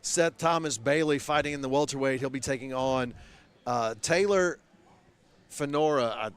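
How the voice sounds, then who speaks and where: Man interviewing, clear voice, halting delivery. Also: medium pitch. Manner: hesitant, wordy phrasing with frequent uhs. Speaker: fight night interviewer. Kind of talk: pre-fight sports interview.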